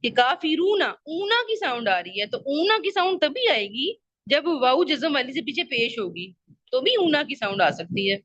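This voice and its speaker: A woman's voice: high voice, sing-song, fairly bright tone, dry recording, dull audio. A woman teaching an Arabic grammar lesson. She patiently repeats her questions and checks that her students understand.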